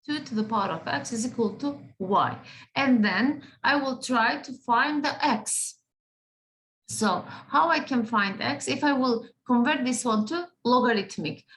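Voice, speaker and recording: High voiced woman teacher walking a class through math, keeps asking okay?. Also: unhurried, fairly bright tone, low-quality recording. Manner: patient, checks in with "okay?" often. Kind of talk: classroom lesson.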